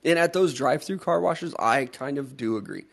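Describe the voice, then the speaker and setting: A man's voice: medium pitch, animated, normal speed, vocal fry, a bit bright. A man co-hosting a talk show, telling stories casually and bluntly, swearing freely. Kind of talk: casual banter and storytelling.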